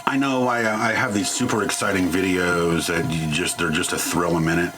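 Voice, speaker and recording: Over loud music in a rough recording, a man with a low voice and fairly even intonation talks briskly through an electronics teardown. He hosts the channel and narrates informally, wry and self-deprecating, with some mild crudeness.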